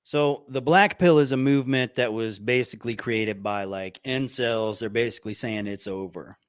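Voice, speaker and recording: A man hosting a podcast in casual chat, asking short, quiet questions. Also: mid-range voice, moderate pace, clear, resonant tone, no room sound, studio quality. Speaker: podcast host.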